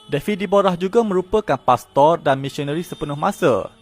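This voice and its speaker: A man, giving scripted news narration in a steady reporting tone. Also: on the high side, brisk, soft background music.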